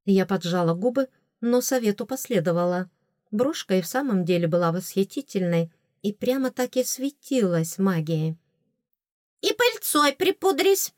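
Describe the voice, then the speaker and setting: A woman reading a first-person audiobook in an expressive, wry way. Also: mid-range voice, moderate pace, no room sound, studio quality. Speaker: audiobook narrator.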